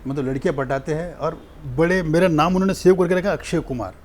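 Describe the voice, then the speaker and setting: A man, a stand-up comedian, telling animated anecdotes in a casual interview. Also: on the high side, fast. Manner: animated, storytelling.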